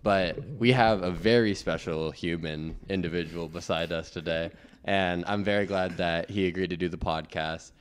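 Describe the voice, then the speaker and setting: A man's voice: deep voice, fairly even intonation, moderate pace, hardly any pauses, smooth. A man hosting a casual podcast, often stumbling and restarting his phrases. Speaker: podcast host.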